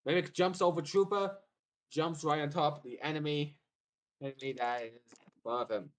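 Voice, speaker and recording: Guy running a tabletop game on stream, kinda high voice, gets theatrical and hyped narrating. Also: moderate pace. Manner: lively, theatrical narration with big excited swings. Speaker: game master.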